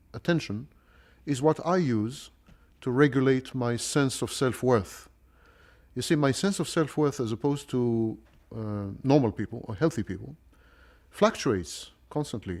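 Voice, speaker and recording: Detached, clinical man with a dark voice. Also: medium pitch. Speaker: interviewee. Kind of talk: confessional interview.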